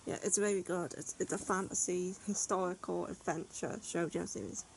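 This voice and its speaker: A woman's voice: lowish voice, steady tone, normal speed, gravelly, a little hiss or hum, rough recording. A woman giving a casual, rambling video review of her favourite reads, filling her talk with "like" and "yeah". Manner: chatty, rambling, frequent "like" and "yeah". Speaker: manga reviewer.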